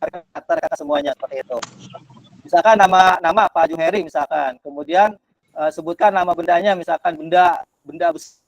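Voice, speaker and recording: A man facilitating an online workshop over a video call, his audio choppy and glitching as it breaks up, giving slow, repeated instructions. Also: on the high side, dry recording, low-quality recording. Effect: choppy, glitching connection audio.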